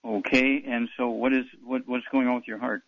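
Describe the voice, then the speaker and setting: A man's voice: medium pitch, level tone, fairly quick, no echo, narrow, tinny audio. A man hosting a call-in radio advice show, blunt and dismissive, often interrupting callers. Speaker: radio talk show host.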